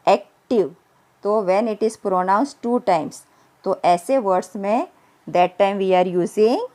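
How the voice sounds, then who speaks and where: Woman teacher, unhurried, deliberate delivery, spells words letter by letter. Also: medium pitch, a little mellow. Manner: mixes Hindi and English, spells words letter by letter; slow deliberate English phrases, quicker Hindi explanations. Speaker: primary school English teacher. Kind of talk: recorded grammar lesson.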